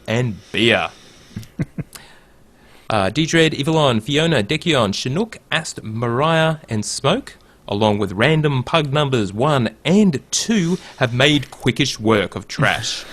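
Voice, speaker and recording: With a mid-range, fairly bright voice, this casual gaming podcast host goes over the news. He reads a write-up aloud, putting on a mock movie-trailer voice.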